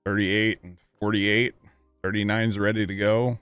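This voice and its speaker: A man's voice: lowish voice, a little slow, clear, resonant tone, no echo, soft background music. A man on a livestream, talking casually into a headset mic while he plays a farming game and greets his chat. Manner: greets chat viewers casually, relaxed and chatty.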